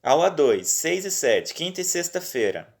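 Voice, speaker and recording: A man's voice: fairly high pitch, big pitch swings, unhurried, gravelly. Patient male teacher with a Brazilian accent. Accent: Brazilian Portuguese. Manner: patient, reassuring, checks in often. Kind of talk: remote lesson walking through worksheets. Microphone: phone.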